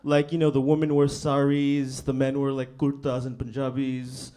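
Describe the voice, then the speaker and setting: On a comedy club stage, a young man from Bangladesh performs a stand-up set in a laid-back, deadpan way, often saying "you know what I mean." His voice is medium-pitched at a moderate pace.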